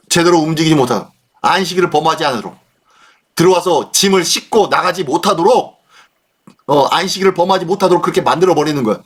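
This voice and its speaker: Lively, animated male pastor. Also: high-pitched, husky. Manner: animated, rhetorical questions answered himself, voices scolding lines. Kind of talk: midweek Bible study sermon.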